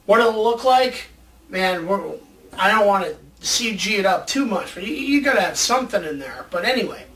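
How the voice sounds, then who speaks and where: On his laid-back film chat show, this male host rambles on eagerly at a moderate pace. His voice sits high, with lively intonation and a sharp tone, and it is recorded from a distance over faint background noise.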